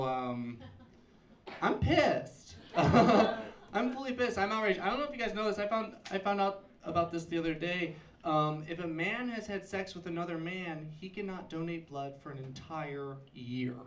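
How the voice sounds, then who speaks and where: A man's voice: fairly high pitch, moderate pace, fairly bright tone. Campy male stand-up comic in a club. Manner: campy, self-mocking, punchy delivery. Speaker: stand-up comedian. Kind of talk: stand-up set. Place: comedy club. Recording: roomy club sound from far off. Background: audience laughter.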